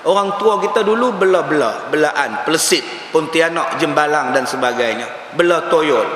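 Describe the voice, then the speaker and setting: A male preacher, giving a lively religious lecture and acting out the people in his stories. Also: on the high side, moderate pace. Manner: animated storytelling with acted-out quotes. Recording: echoey hall with faint hiss.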